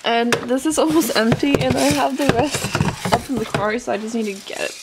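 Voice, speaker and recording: Young woman chatting into her camera at the barn, slightly high voice, lots of ums. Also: moderate pace, heavy background noise. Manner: chatty, with many fillers. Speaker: horse vlogger. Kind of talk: casual vlog chat. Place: horse barn, indoors and out. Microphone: handheld camera.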